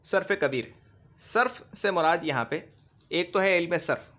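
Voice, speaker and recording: A man's voice: a little high, animated, moderate pace, fairly bright tone. Patient man teaching a grammar lesson. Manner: patient, repetitive explaining, checks understanding often. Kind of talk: classroom grammar lecture.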